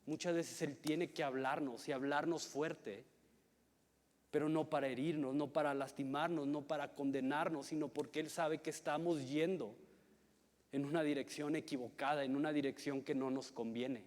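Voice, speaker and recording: In a church hall, a pastor in his thirties with a Mexican Spanish accent preaches a sermon earnestly, often repeating a word as he begins a phrase. His voice is fairly high with a steady, darkish tone at a moderate pace, and the large hall gives a long reverb.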